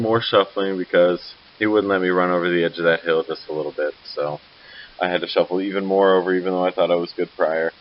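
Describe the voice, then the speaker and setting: Man, low pitch, sleepy and loose; casual game-recap narrator, muffled hissy recording. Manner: rambling, loose, self-correcting. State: sleepy, yawning. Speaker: tabletop wargame player. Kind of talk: casual battle report narration. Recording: dull lo-fi recording with faint hiss.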